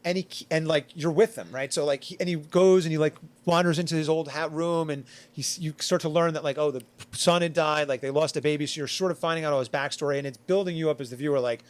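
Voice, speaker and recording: Guy rambling on a podcast, lots of likes and restarts, voice a bit on the high side. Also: fairly even intonation, fast, few pauses. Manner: rambling, filler-heavy retelling with acted quotes. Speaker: podcast panelist. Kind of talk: casual podcast chat.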